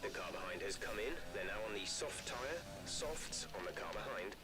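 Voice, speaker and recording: A man voicing a calm race engineer who gives terse, clipped pit radio calls in a racing game. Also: fairly low pitch, moderate pace. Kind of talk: game voice lines. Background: loud game music.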